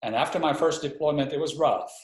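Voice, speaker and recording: A man's voice: a little high, fast talker. A middle-aged man from Hawaii, an Army chaplain speaking as a guest in a webinar interview, reflective and a little hesitant, often restarting his sentences. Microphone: video call. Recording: roomy echo.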